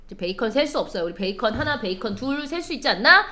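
A woman's voice: fairly high pitch, big pitch swings, fast, sharp tone. A woman teaching an English lesson, explaining line by line and quizzing her students as she goes. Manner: explains step by step, quizzes the class. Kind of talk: classroom lecture.

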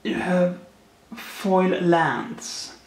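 Pulling out cards one by one, a man jokes with wry puns in a high, gravelly voice with lively intonation, though he speaks very slowly. He's indoors in a new apartment with no furniture yet, so the sound is echoey with faint noise.

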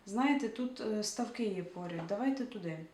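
A woman's voice: mid-range voice, expressive, normal speed, a little mellow, natural voice. A woman voicing a sheepish morgue attendant who protests and stumbles over his words in self-defense, read aloud from a book. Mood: defensive. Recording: roomy echo, distant mic, faint hiss.

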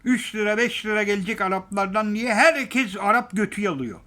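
A man speaks straight to the camera in a heated rant, his voice sitting slightly high. He swears bluntly and circles back to the same lines. He lurches between loud, strained outbursts and low, bitter muttering. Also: expressive, a little fast. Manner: blunt and profane, repeats himself. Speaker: vlogger. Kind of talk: angry ranting monologue.

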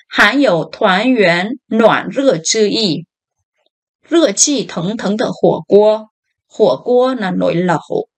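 Woman, language teacher, unhurried, reads phrases aloud then explains them, measured lesson delivery. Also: medium pitch. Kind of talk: slow line-by-line language lesson.

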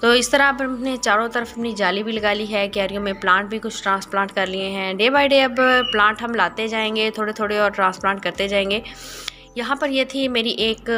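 A woman narrating a voice-over for her garden makeover video, explaining each step calmly with small hesitant pauses. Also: medium pitch. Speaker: gardening channel host.

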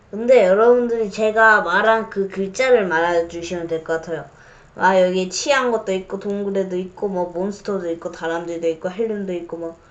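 A woman hosts a casual demo, chatting straight to her viewers. Her voice sits at an ordinary middle pitch. The recording is dull and lo-fi. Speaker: host of a voice changer demo. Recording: dull lo-fi sound.

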